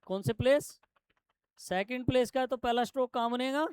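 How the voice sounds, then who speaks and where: A man teaching shorthand to a classroom, explaining step by step and quizzing his students with quick questions. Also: extremely high pitch, darkish tone, smooth, no echo. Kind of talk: classroom lesson.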